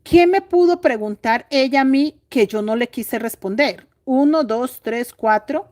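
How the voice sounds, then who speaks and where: A woman's voice: high-pitched, unhurried, darkish tone. A middle-aged Colombian woman teaching crochet on a live stream, chatty and confiding, thinking aloud as she stitches. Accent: Colombian Spanish. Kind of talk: live-stream craft tutorial.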